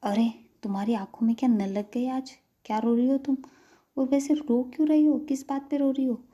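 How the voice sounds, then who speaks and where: A woman voicing an impatient, bossy young woman who scolds loudly in an exasperated way. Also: high voice, steady tone, brisk, muffled recording, voice pushed up.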